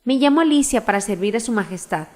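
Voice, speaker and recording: A woman's voice: on the high side, animated, quick pace, a little mellow, big-room sound, natural voice. A woman reading a storybook and voicing a polite but bold young girl with a raised, firm voice. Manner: courteous, then firm and decided.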